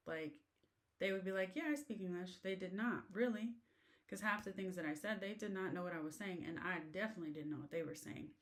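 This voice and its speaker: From inside a car, an American woman gives rambling, filler-heavy advice on living abroad in a casual talk to camera. Her voice sits on the low side but has a fairly bright tone.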